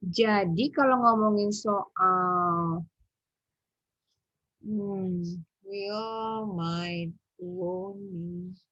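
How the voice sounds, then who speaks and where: A woman's voice: mid-range voice, very slow, fairly bright tone, no room sound. A woman teaching English in an online lesson, often hesitating and thinking aloud with many fillers. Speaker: English tutor. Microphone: video call. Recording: muffled video call audio.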